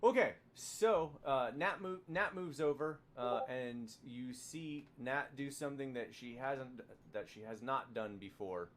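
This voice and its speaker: A man narrating as dungeon master, talking in a halting way with many fillers and restarts. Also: medium pitch, a bit bright. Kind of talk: narrating a tabletop game.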